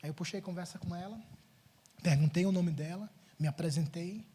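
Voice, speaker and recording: A middle-aged man, a pastor preaching a sermon in church, telling a personal story with animated swings between loud and hushed delivery. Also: sits high, brisk, slightly rough.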